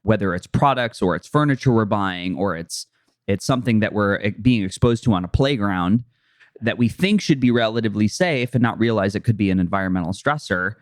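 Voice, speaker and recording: A man hosting a podcast, talking in a relaxed, chatty way with lots of fillers. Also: fairly low pitch, brisk, no room sound, studio quality. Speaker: podcast host. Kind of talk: casual interview chat.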